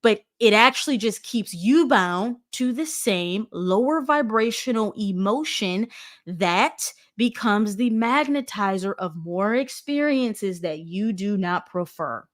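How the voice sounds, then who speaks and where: A woman hosting her own show, giving an earnest, rambling spiritual self-help talk that corrects itself as it goes, with sudden animated bursts. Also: medium pitch, slow pace. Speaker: host.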